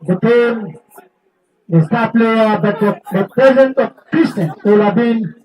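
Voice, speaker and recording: A man with a Nigerian accent giving live commentary at a youth football match, announcing slowly and deliberately. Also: high-pitched, a little mellow, recorded from a distance, poor audio.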